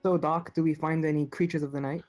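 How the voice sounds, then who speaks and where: A man with a fairly high voice plays a tabletop game over voice chat. He explains his ideas earnestly and a little sheepishly, dropping in fillers, with faint music behind him. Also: little pitch movement, quick pace, a little mellow. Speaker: player. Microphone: online voice chat.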